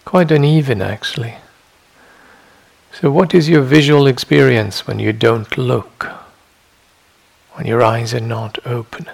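With a husky, gravelly voice at a medium pitch, a man instructs a guided meditation in a meditation hall. He speaks in short, measured bursts, leaving long pauses.

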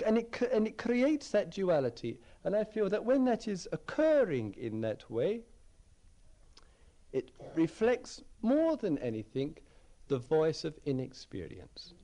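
A man's voice: on the high side, dark tone. A man giving a dharma talk as a meditation teacher, reflective, often repeating phrases as he searches for words.

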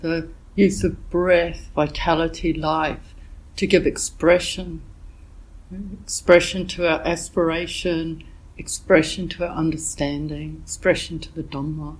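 Slow, reflective woman giving a dharma talk. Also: sits low, flat delivery, breathy edge, low-quality recording. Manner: reflective, unhurried, gently searching for words with frequent "yeah" and "you know". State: has a cold, voice a bit thick. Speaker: meditation teacher.

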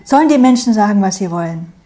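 A woman voicing a calm, good-natured female pig in a storybook fable, who speaks in a mild, level-headed way. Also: medium pitch, fast, close to an everyday voice.

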